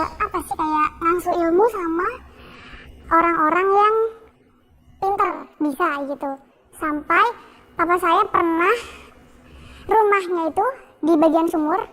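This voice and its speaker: A young woman guest telling her own story in a halting, repetitive way with many fillers. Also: extremely high pitch, fairly bright tone. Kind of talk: personal testimony.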